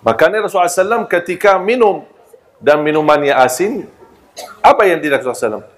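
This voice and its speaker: A man's voice: on the high side, fairly quick. Arabic-accented man preaching with humor. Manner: lively storyteller who acts out quoted voices and jokes with listeners. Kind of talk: humorous sermon.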